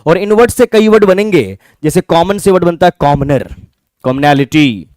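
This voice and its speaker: A man with a slightly high, expressive, somewhat mellow voice speaks at a normal pace, teaching English for an exam in classroom-lecture style. He works through the material step by step, posing questions and answering them himself. The recording is dry and studio quality.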